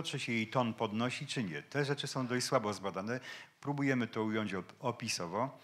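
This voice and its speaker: A man speaking as a linguist on a panel debate, explaining points to an audience in a lecturing way. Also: medium pitch. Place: event hall with an audience.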